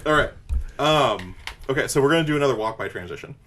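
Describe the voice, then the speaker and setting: A man's voice: expressive, quick pace, very noisy. A man hosting a podcast in casual chat, rambling through an idea with lots of "like" fillers. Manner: rambling pitch full of "like" fillers. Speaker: podcast host.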